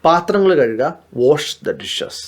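Lively Malayali man teaching English. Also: a little high. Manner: explains in Malayalam, repeats English phrases slowly. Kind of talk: spoken English lesson.

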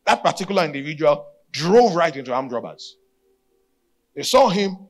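A man's voice: fairly high pitch, big pitch swings, moderate pace. A middle-aged man with a Nigerian accent preaching a sermon, emphatic and given to repeating key phrases. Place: stage at a church retreat, indoors. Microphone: handheld microphone.

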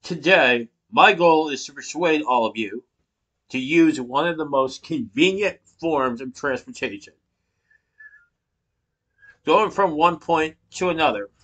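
With a slightly high, bright and forceful voice, a man in his thirties presents a persuasive speech for class, partly from notes, in a small room, filmed by a laptop webcam below him. He asks rhetorical questions with emphatic hand gestures, on a low-quality recording.

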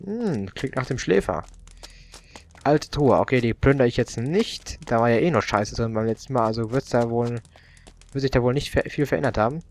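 Grumbling let's player. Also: male voice, medium pitch, lively intonation, moderate pace. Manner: grumbling, casual, swears. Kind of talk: gaming commentary.

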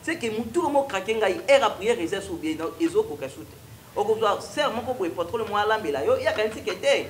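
Speaking in a TV studio with a stone wall behind him, this prophet guest is a young man with a Congolese accent who tells his testimony in a mix of French and Lingala. His high voice is brisk and animated. There's reverb in the room and a faint hiss or hum.

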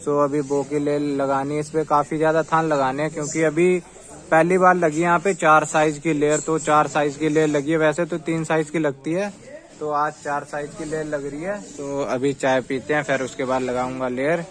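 A man's voice: fairly high pitch, little pitch movement, moderate pace, a bit bright. A young man in his twenties chatting casually through a vlog, narrating his work as he goes. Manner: chatty running commentary while working. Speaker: vlogger at a garment factory. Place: small garment workshop, indoors. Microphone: handheld phone camera.

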